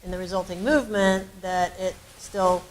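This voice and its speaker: A woman with a medium-pitched, fairly even voice speaks at a moderate pace on a university panel, working through ideas thoughtfully with lots of ums, fillers and restarts. She's a researcher on an academic panel, and the low-quality recording carries slight background noise.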